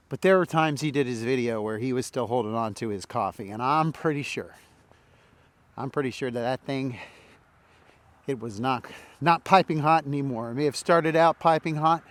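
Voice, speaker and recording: A man's voice: medium pitch, no room sound. A man from Indianapolis, rambling casually in a walk-and-talk vlog while strolling outdoors in a large park. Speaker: vlogger.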